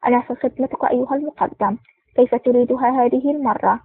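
A woman's voice: high voice, quick pace, slightly rough, no echo. Jovial plump male technician, read by a woman, teasing, dry close sound, phone-like band. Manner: cheerful and teasing.

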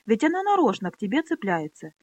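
Brief: woman reader voicing a worried peacemaker girl, pleading, higher. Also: big pitch swings, quick pace, darkish tone, no room sound. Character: anxious peacemaking young girl.

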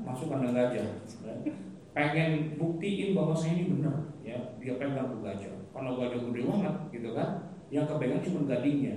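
A man's voice: mid-range voice, darkish tone, slight background noise. A man giving a casual, humorous religious lecture, acting out the voices in his stories. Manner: chatty and humorous, acts out quoted voices, frequent "gitu kan" tags. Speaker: Islamic teacher giving a weekly study talk. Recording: echoey hall from far off.

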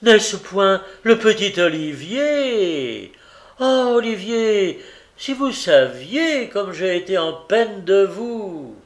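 A man reading aloud takes on a sentimental, stammering parish beadle. The voice climbs high and drags, fawning and pompous, from a storybook. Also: animated, takes it slowly, heavily acted. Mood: gushing.

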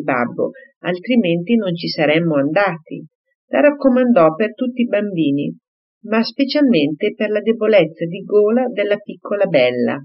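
A reader voicing a gentle, earnest young mother in an audiobook, reassuring her father. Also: medium pitch, voice pushed up. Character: gentle devoted young mother, anxious daughter. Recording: slightly muffled recording.

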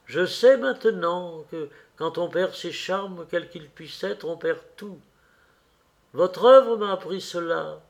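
An anguished, vain young man, obsessed with staying young, pleads in a high, impassioned, theatrical voice, as a male audiobook reader puts him on. His slow delivery carries a gravelly edge. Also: exaggerated voice.

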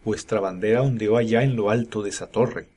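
A man voicing a gruff old male cart driver who talks in a hoarse, gloomy way. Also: fairly low pitch, a little fast, mellow, close to an everyday voice.

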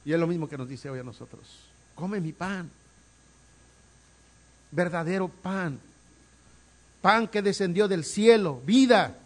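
A man preaching a sermon as pastor, swinging from quiet asides to loud, emphatic calls and repeating words for emphasis. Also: high voice, a little slow, long pauses.

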